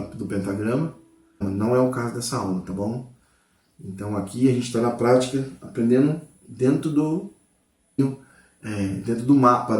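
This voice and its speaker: A man with a mid-range, darkish voice teaches guitar casually in an echoey room. Between strums he names the notes aloud, explaining with patience and dropping frequent "tá?" and "né?" check-ins to the viewer.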